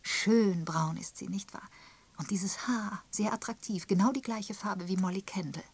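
A woman reading the part of a gossiping, sharp-tongued spinster in an audiobook, pointed and emphatic in tone. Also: mid-range voice, moderate pace, slightly rough, pitched above the performer's own voice. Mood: gossipy. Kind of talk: audiobook character voice.

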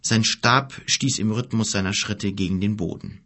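A man narrating a fantasy audiobook in a measured, expressive way. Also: lowish voice.

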